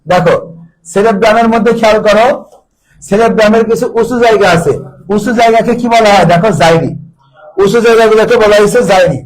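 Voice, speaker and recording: A man's voice: high voice, fast, rough recording. A man tutoring biology for exam preparation, repeating each term and quizzing his students on it. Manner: drills terms by repeating them and quizzing students. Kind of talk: exam-prep lecture.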